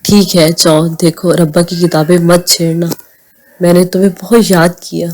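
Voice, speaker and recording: A woman voicing a gentle, tender mother in a read-aloud audio novel. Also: on the low side, level tone, natural voice.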